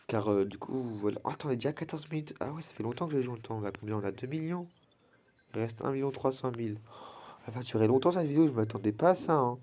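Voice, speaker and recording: A man's voice: medium pitch, mellow. A teenage boy chatting casually over his gameplay, rambling with many fillers and restarts in a slightly cracking, wavering voice. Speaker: gaming channel host.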